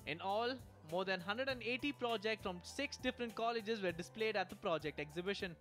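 A man's voice: high voice, fairly quick, fairly bright tone, soft background music. A man reading a scripted news voice-over in a punchy, upbeat way. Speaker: news reporter.

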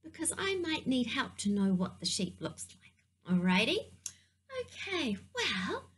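A woman's voice: on the high side, big pitch swings, unhurried, slightly rough. A woman teaching preschoolers, talking to the children in a playful, sing-song way during a puppet-show lesson.

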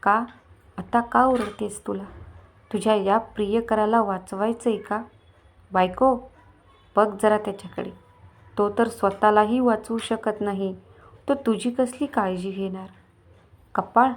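A woman voicing a jealous young husband who hurls scornful, shouted accusations in a storybook reading. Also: medium pitch, steady tone, unhurried, long pauses. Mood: jealous fury.

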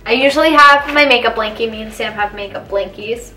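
With a fairly high, sharp-toned voice and a brisk pace, a young adult beauty vlogger chats playfully and casually as she applies makeup at a table in a small indoor room. A camera a few feet away picks her up, so the audio is roomy and distant, with background noise and clinking.

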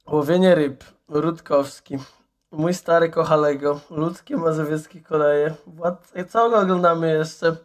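A man's voice: on the high side, measured pace. A man streaming and reacting to videos, chatting casually and mocking his viewers. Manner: offhand, mocking chat.

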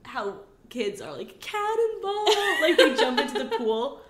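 A young woman co-hosting a podcast, reacting with playful jokes and quick asides. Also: a little high, animated. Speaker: podcast co-host. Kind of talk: casual chat. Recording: roomy recording with faint noise.

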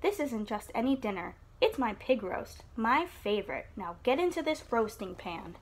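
A woman's voice: a little high, sing-song, normal speed, slight background noise. A woman voicing a hungry, greedy male fox in a storybook, bossy and growling.

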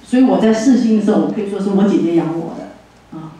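An older woman with a Taiwanese Mandarin accent tells her story at a church gathering in an animated, heartfelt way, chuckling as she goes. Her voice sits at a middle pitch and reaches the mic from some distance. The hall around her rings with heavy reverb. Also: quick pace. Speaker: guest speaker at a church fellowship. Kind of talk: personal testimony at a church gathering. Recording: echoey hall from far off.

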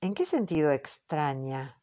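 A woman reading the part of a formal man questioning a witness, slow and patient. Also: low voice, sing-song, dark tone, voice pushed down. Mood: probing. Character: measured male examiner, formal and patient. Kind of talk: audiobook character reading.

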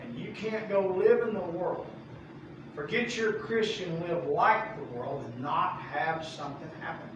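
A man teaching a Bible study as pastor, folksy and animated, reading verses and acting out the characters' voices. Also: a little high, measured pace, highs cut off, background noise. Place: church sanctuary. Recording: echoey room mic from far off.

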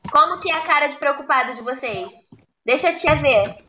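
A woman's voice: high voice, expressive, brisk, muffled recording. Coaxing woman teacher reading to children. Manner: coaxing, prompting children to join in. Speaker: preschool teacher. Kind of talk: reading a picture book to children in a live class. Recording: echoey room with clear noise.

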